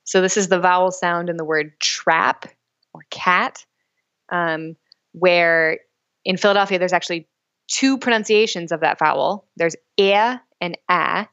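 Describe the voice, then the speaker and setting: A woman's voice: lowish voice, fairly even intonation, measured pace, fairly bright tone, smooth, muffled recording. A woman language researcher answering interview questions with enthusiasm.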